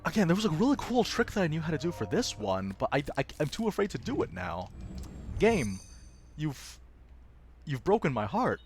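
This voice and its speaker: A man's voice: fairly high pitch, wildly swooping pitch, quick pace, creaky, few pauses. A man streaming himself playing a game live, chatting playfully with his viewers and joking at his own expense. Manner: laughs often. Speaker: gaming livestreamer. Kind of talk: casual live gameplay commentary.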